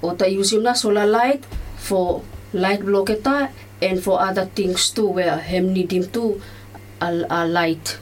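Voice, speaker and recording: A woman's voice: medium pitch, unhurried. A woman teacher with a Solomon Islands accent gives a school lesson in Solomon Islands Pijin mixed with English, explaining plainly and repeating key terms. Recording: distant mic with faint background noise.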